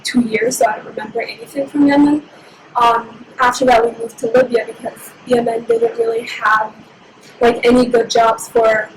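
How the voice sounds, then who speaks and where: A nineteen-year-old woman who grew up in Egypt and speaks Somali as her first language, telling her story in an interview in a reflective, unhurried way. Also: fairly high pitch. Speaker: interviewee, university student. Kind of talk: personal interview. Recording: echoey room with steady background noise.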